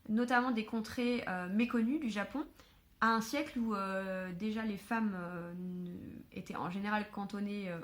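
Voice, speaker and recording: A woman chatting casually to camera at home about books she was given, filling pauses with hesitations. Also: mid-range voice. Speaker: book vlogger. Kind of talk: casual book haul chat.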